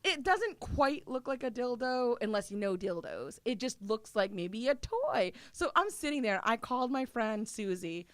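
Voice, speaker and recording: A young woman telling a funny personal story in casual chat, animated and laughing, with lots of "like". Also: on the high side, moderate pace, few pauses, no echo. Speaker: guest.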